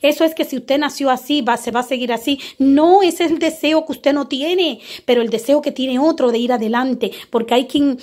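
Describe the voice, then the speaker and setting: High-pitched lady medium talking straight to viewers, preachy, keeps going "eh?" and acting out little chats. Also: normal speed, few pauses, darkish tone. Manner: preachy, addresses viewers directly with frequent "eh?"; acts out little dialogues in her talk. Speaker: spiritual medium. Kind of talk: spiritual advice monologue.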